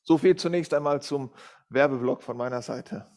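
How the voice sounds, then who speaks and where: A man's voice: mid-range voice, moderate pace, a little mellow. A middle-aged man preaching a sermon in an informal way, with many fillers and self-corrections. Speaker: guest preacher from a Bible school. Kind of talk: sermon with a read-aloud story.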